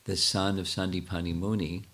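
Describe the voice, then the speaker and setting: An older man with a low voice answers questions from his audience in a lecture. He speaks haltingly, stops often and restarts his sentences while he thinks aloud. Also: little pitch movement, fairly bright tone. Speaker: spiritual teacher answering questions.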